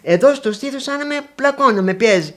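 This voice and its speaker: An elderly grandmother from northwestern Greece, recounting memories in an interview and acting out remembered conversations as she tells them. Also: high voice. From Konitsa area, northwestern Greece. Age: older. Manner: lively storytelling, acting out remembered dialogues.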